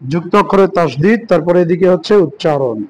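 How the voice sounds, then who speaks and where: A man teaching Quran reading, spelling out letters and vowel marks slowly and asking the learner rhetorical questions. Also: a little high, breathy edge, highs cut off. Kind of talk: step-by-step reading lesson.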